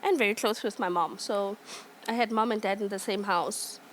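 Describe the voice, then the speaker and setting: A woman's voice: medium pitch, normal speed, a little hiss or hum. A woman in her thirties talking as a guest in a casual chat, giving short, dry replies and laughing often. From South Africa. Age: 30s.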